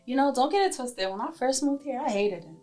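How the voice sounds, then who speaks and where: A woman's voice: sits high, expressive, fairly quick, a little mellow, faint music behind. Laid-back New woman chatting. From Brooklyn, New York. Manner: laid-back, laughs often, casual slang. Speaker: realtor guest. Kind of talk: casual chat.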